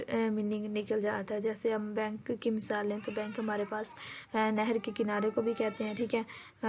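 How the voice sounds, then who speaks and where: Flat-voiced woman lecturing. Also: mid-range voice. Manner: says "ठीक है" again and again, with many "अ" fillers; mixes English terms into her explanation. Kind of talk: exam-prep lecture.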